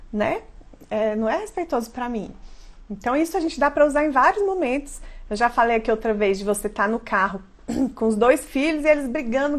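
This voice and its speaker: Brazilian woman, 30s, parenting coach on a live stream, high bright voice, earnest and emphatic. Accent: Brazilian Portuguese. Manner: earnest, emphatic, often checks in with "né?". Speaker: parenting educator, mother. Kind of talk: live-stream talk to viewers.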